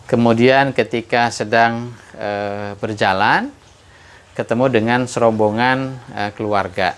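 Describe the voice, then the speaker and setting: A man hosting his own channel, telling a moral story slowly and thoughtfully, pausing often with "eh" and lifting his voice on key points. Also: steady tone, smooth. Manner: unhurried, measured, frequent "eh" pauses; rises in pitch and force on key points. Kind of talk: reflective moral storytelling monologue.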